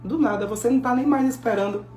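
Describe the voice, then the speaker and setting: A woman preaching a sermon, telling the story with lively acted-out dialogue. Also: a little high, fast. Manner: animated storytelling, acting out biblical dialogue. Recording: echoey room with faint music.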